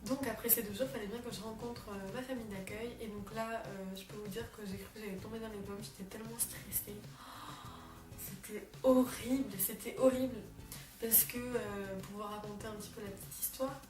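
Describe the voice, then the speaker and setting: A woman's voice: medium pitch, fairly even intonation, a little fast. Young woman, late teens, casual vlogger; rambling and chatty, recorded off-mic in a reverberant room with music behind. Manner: chatty, many fillers and restarts. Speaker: exchange student vlogger. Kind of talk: casual chat to camera. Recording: roomy, distant mic, background music.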